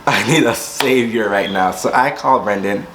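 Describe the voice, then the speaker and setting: A young man telling a storytime vlog story, dramatic, acting out quotes and jumping into sudden high squeals. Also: normal speed, background noise. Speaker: vlogger.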